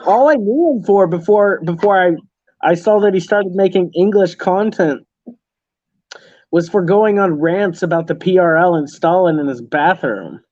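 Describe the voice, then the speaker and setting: A man hosting a casual online stream, excitable and quick to laugh. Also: high-pitched, dry recording. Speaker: stream host. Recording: dull lo-fi call audio.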